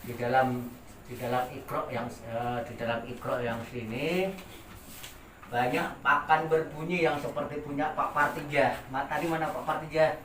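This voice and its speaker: A man's voice: medium pitch, steady tone, normal speed, a bit bright. A man with an Indonesian accent teaching Quran recitation rules to adult pupils, drawing out syllables and repeating words for them to copy. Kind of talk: informal tajwid lesson. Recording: echoey room, distant mic, faint ambient noise.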